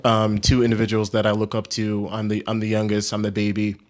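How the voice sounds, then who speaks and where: A man's voice: fairly low pitch, completely flat delivery, brisk. A young man talking casually as a podcast guest, laid-back, with lots of fillers and easy laughs. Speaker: guest, coffee brand founder.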